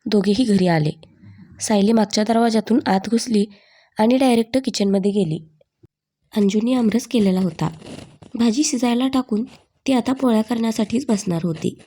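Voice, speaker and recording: Woman narrator, steady storytelling, mellow tone, fairly high pitch. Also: moderate pace, long pauses. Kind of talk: scripted narration.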